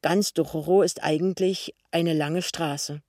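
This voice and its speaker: A man's voice: on the high side, steady tone, a little slow, darkish tone, no echo, studio quality, natural voice. A man voicing an anxious, hasty and embarrassed young husband in an audiobook.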